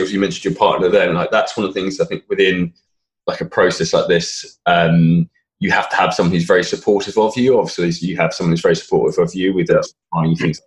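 A man's voice: deep voice, low-quality recording. A man hosting a fitness podcast, chatting casually and encouragingly, with frequent qualifying asides. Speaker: podcast host, fitness coach. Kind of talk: casual interview chat.

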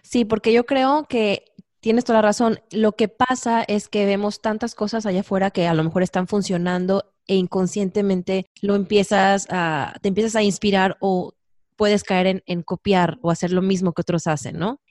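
A woman's voice: mid-range voice, fairly even intonation, moderate pace, a little mellow, no room sound, clean studio sound. A woman hosting a casual chat, speaking in a reflective, encouraging way. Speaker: host.

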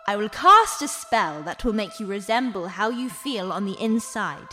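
A kind, gentle fairy godmother from a storybook, as a man puts her on, speaking in a hushed, measured way. Her voice sits a little high and rings with a long reverb. Music plays underneath. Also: sing-song, exaggerated voice.

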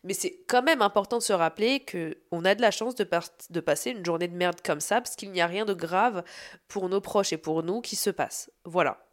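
A woman hosting her own podcast, telling a story about her day in a casual, animated and self-mocking way, swearing freely. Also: fairly low pitch. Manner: shifts between fast asides and slow, dragged-out emphasis. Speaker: podcast host.

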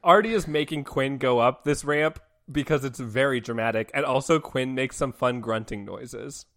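A man's voice: mid-range voice, moderate pace, no echo, clean studio sound. A man co-hosting a podcast, recapping a TV episode in rambling casual chat full of fillers. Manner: rambling, many fillers, animated. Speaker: podcast co-host.

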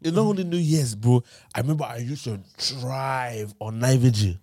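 A man's voice: mid-range voice, moderate pace, mellow, husky. A young man telling stories in casual, slangy banter and repeating his phrases as he goes.

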